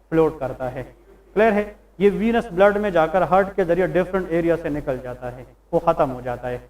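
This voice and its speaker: A medical lecturer with a high, slightly mellow voice delivers a Hindi-English classroom lecture, quizzing his students and then answering his own questions. He slows down to stress English terms, and the recording is rough.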